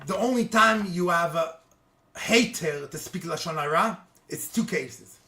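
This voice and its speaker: A man giving a casual, animated religious lesson to viewers, often checking in with "okay?" and "guys". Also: fairly high pitch, unhurried. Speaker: religious teacher.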